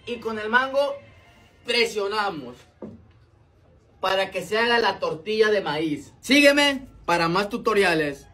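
A man with a Mexican Spanish accent narrating mock tutorials in a deadpan, step-by-step way. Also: high voice, a little slow, faint music behind. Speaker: comedy creator.

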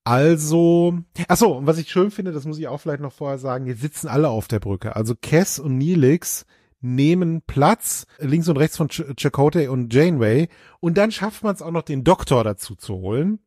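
A man's voice: fairly high pitch, expressive, moderate pace, dark tone, no room sound. Wry, dry-sounding male podcast co-host. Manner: playful, ironic asides with laughs. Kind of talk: casual chat recapping an episode.

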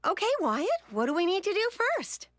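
Lively cartoon mom humoring her child. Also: very high voice, brisk, soft background music. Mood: encouraging, humoring. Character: cheerful young mother humoring her little son.

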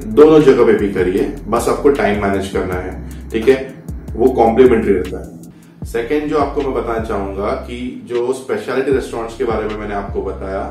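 With a fairly low, darkish voice, a young man gives informal instructional talk to camera about working on cruise ships. He switches between Hindi and English, often saying "theek hai," "ठीक है" and "आपको बताना चाहूंगा." Faint music plays under a distant, echoey recording.

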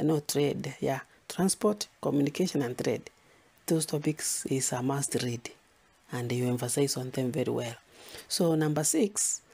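A man's voice: on the high side, gravelly, mellow, breathy edge. A man from Kenya giving an exam revision lesson, listing topics and repeating key points for emphasis. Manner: repetitive, emphatic, lists topics. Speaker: teacher.

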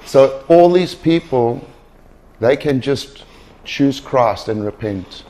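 A man's voice: mid-range voice, animated, takes it slowly, warm tone, poor audio. A man leading a deliverance session as minister, insistent and commanding, repeating his questions and phrases. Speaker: exorcist minister. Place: small furnished indoor room.

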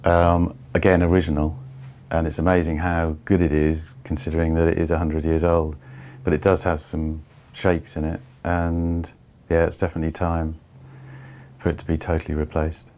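Deep voiced guy in his 50s, walks you through a boat hold, steady and explaining. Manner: measured, explains step by step. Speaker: barge restorer giving a tour. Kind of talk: explanatory walking tour. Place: inside the wooden hold of an old sailing barge.

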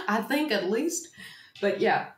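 A Dutch-born woman hosts a history livestream, chatting casually and reading an article aloud, with rambling asides and self-corrections. Her voice is mid-range, in an echoey room.

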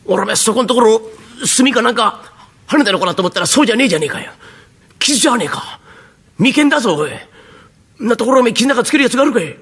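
Man doing a gruff husky old-Tokyo father. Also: extremely high pitch, animated, quick pace, a bit bright, full character voice. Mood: gruff tender. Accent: Edo Tokyo dialect. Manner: gruff and clipped, choked with emotion. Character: rough-spoken gruff working-class father, middle-aged. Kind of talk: traditional rakugo storytelling.

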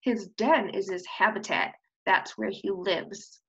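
On an indoor screen-share video call, a young woman preschool teacher reads a children's storybook aloud expressively, asking prompting questions into her computer microphone. She speaks slowly in a mid-range voice that is creaky with a breathy edge, and the webcam audio is slightly dull.

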